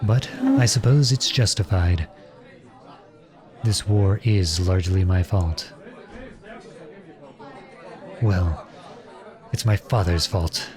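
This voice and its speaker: With a faint crowd in the background, the man voicing the exiled prince-soldier sounds a little mellow. His manner is formal, measured, courteous and earnest, and the feeling is bitter and melancholy.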